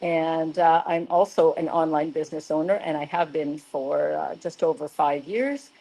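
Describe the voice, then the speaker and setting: A woman's voice: low-pitched, moderate pace, gravelly, poor audio. A woman in her seventies from Canada introducing herself casually on an online panel. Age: 70s. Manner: relaxed, chatty. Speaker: panel guest.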